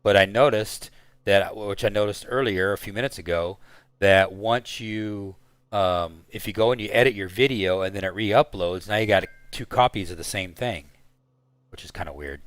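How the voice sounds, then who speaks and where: A man hosting a live stream, chatting casually and haltingly while he flies a flight simulator. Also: lowish voice, fairly bright tone, clean tone, no echo. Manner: rambling, halting, lots of fillers. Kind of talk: casual commentary while flying a sim.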